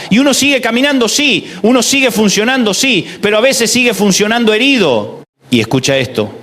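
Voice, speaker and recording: A man preaching a scripted devotional sermon, building emphasis through repeated parallel phrases. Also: mid-range voice. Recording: long reverb.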